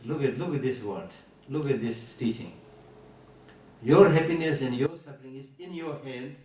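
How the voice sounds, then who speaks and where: A man with a Tibetan accent gives a Buddhist teaching to listeners in a deliberate, emphatic way, repeating key phrases and posing rhetorical questions. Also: medium pitch, darkish tone. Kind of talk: Buddhist teaching to a live audience. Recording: echoey room, recorded from a distance.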